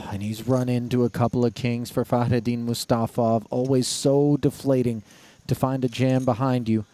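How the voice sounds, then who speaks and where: A man's voice: mid-range voice, little pitch movement, normal speed, warm tone. A man commentating on live poker from a booth, mixing hand calls with dry, wry banter. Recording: faint background noise and clicks.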